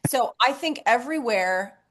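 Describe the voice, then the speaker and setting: A young adult woman, an actress guest on a podcast, chatting in a bubbly, animated, self-deprecating way. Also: on the high side, normal speed, a little hiss or hum. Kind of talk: casual podcast chat.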